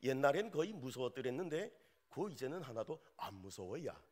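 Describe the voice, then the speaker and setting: Folksy northern countryman, pyongan dialect, drawling homespun recitation, lively swooping pitch, a man doing the voice. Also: brisk.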